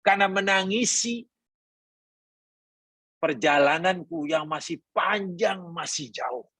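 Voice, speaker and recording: A man's voice: high-pitched, slow pace, bright, forceful tone, no room sound. A man teaching a religious class, telling a story and quoting Arabic lines before explaining them. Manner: storytelling, voicing family members and quoting Arabic. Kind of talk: sermon.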